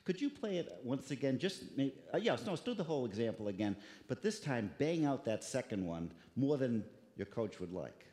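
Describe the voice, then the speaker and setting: A man's voice: medium pitch, sing-song, moderate pace, few pauses, mellow. A man lecturing on music who scats rhythms aloud to illustrate and often restarts his words, speaking in a concert hall. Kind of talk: lecture with live musical examples. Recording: echoey concert hall with long reverb.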